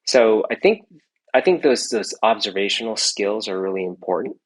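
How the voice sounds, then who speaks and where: A middle-aged American entrepreneur appears as a guest in a casual interview, rambling with many restarts and tag questions. His voice is lowish and expressive, at a moderate pace.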